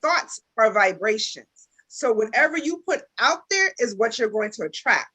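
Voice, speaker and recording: Lady with a high sharp voice, retainer makes her talk a bit funny, acts out little scenes. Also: moderate pace, husky, poor audio. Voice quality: slightly impeded speech from a dental retainer. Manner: animated, acts out little dialogues. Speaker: guest panelist. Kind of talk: casual panel chat.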